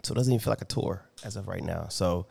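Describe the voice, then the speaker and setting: A man co-hosting a casual podcast, expressive, sharing a mix of excitement and worry. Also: low-pitched, fast, gravelly, slightly rough. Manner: expressive, swings between excited and worried. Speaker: podcast co-host. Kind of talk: casual chat.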